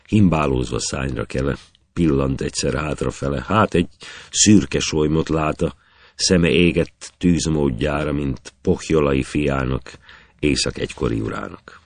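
Very deep man reciting epic verse. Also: creaky, no echo. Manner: measured, rhythmic verse recitation. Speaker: reader.

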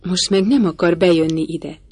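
A woman's voice: lowish voice, steady tone, darkish tone, husky, no echo. A woman voicing a nervous, deferential male footman in an audiobook. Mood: reporting. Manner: deferential, apologetic.

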